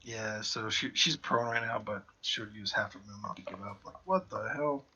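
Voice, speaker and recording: A man chatting casually while playing a tabletop game, with a husky, bright voice pitched on the low side. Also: level tone, normal speed, muffled recording. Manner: casual, laughs along. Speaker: player.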